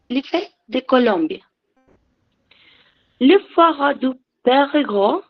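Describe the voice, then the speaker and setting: Slow, high-voiced woman reading grammar examples. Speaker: French grammar teacher.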